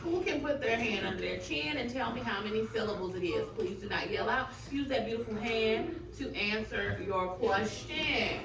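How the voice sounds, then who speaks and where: Lady teaching phonics, calm but firm, highish voice, far from mic in roomy classroom with faint noise. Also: moderate pace, gravelly, few pauses. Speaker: elementary school teacher. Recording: distant mic, echoey room, faint noise.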